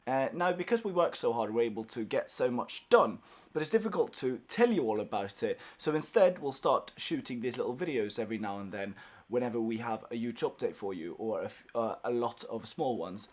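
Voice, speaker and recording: A young native Swedish speaker who founded a language course gives viewers a casual, upbeat update from his small office. He's chatty and grateful, uses plenty of fillers, and has a mid-range voice.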